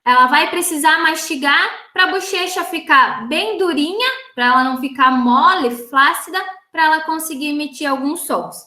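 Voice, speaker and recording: Brazilian woman speech therapist, high bright voice, roomy echo, keeps saying "tá?". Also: moderate pace, few pauses. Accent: Brazilian Portuguese. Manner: instructive, ends points with "tá?". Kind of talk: talk for parents.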